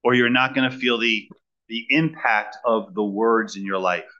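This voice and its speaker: A man preaching in short phrases and pausing for an interpreter, teasing the young people about a quiz. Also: on the low side, bright, forceful tone, highs cut off. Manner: pauses for translation, teacherly, jokes with young people. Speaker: guest preacher. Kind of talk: sermon with live interpreter.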